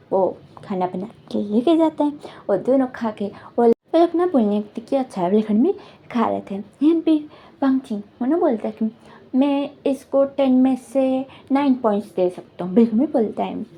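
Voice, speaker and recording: A woman's voice: on the high side, warm tone. A woman casually retelling a fan fiction story with lots of filler words, acting out the lines of each character as she goes. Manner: rambling, heavy filler words. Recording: dull lo-fi with faint noise.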